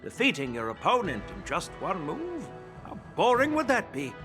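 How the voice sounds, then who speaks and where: A man's voice: high voice, wildly swooping pitch, moderate pace, music in the background. A man voicing a jovial, wily old general and swordmaster in a video game, speaking in an avuncular, theatrical way. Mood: amused, instructive. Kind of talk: game cutscene voice acting.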